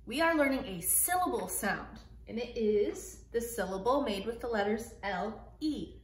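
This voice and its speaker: Slow, patient woman teaching phonics. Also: fairly high pitch, expressive, reverberant. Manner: slow, clear and encouraging, stretching out sounds for young children. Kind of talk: early reading phonics lesson.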